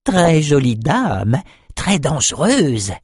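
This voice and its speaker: A shrill, crazed albino shaman. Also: very animated, darkish tone, husky, dry recording, clean studio sound, full character voice. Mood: fawning. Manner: broken speech, slow and sing-song. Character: scrawny albino male shaman, cringing and crazed.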